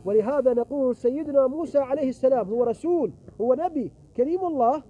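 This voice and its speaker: A man's voice: very high voice, fast talker. A middle-aged man preaching a sermon with a closing prayer, speaking emphatically and firing rhetorical questions at his audience. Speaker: visiting preacher. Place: religious gathering with an audience. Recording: muffled recording, faint background noise.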